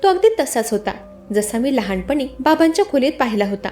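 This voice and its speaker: A woman with a high, light voice reads a first-person story as scripted narration. Her delivery is steady and dramatic. Soft music plays faintly behind her. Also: brisk.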